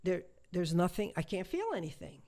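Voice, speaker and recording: A woman who works as a shamanic healer tells a personal story in an interview, halting and emotional, with many restarts and repetitions. Her voice is lowish and dark-toned, with a sing-song lilt.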